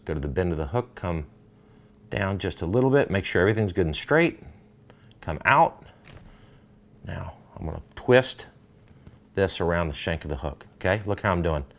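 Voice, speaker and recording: A middle-aged man, hosting a fishing gear demo in an energetic, salesy way. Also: low-pitched, normal speed, creaky, pauses often. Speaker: fishing show host. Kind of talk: product demo talk.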